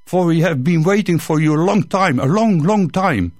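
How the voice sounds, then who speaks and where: An anxious, kindly village priest from a wartime story, as a male narrator puts him on, pitched a little high and full of swings in tone. He speaks halting broken English with eager concern. The recording is close and dry. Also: lively intonation, a little mellow, dry recording. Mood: concerned, hopeful.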